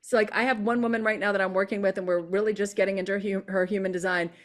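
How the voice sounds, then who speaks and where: A woman coach talking in a podcast conversation, animated and quick to act out what people say. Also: mid-range voice. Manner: animated, acts out quoted voices. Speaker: guest coach.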